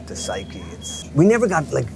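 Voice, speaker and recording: A man's voice: on the high side, wildly swooping pitch, normal speed, creaky. A man in his fifties with a Galway, west of Ireland accent, reminiscing casually and chattily in a colloquial way as an interviewee. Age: 50s. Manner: chatty, colloquial, often checking in with "you know". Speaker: interviewee, local window cleaner. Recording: noisy street ambience with traffic.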